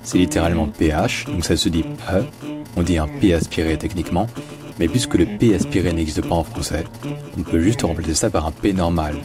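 A man giving a patient pronunciation lesson, slowing down to model each word. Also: low-pitched, music in the background. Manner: patient, slows down to model words. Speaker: pronunciation teacher. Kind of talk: explanatory lesson.

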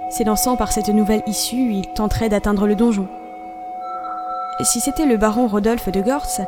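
With a medium-pitched voice, a woman narrates a classic novel for an audiobook. She keeps a measured, expressive storytelling tone as music runs beneath her.

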